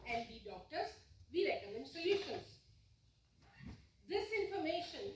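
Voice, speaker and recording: An actress voicing a calm, formal doctor who talks very slowly and patiently in a rather high voice. Her lines come from far away in a big, echoing hall, with a faint hiss underneath. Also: full character voice. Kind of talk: stage play acting. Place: stage in a hall.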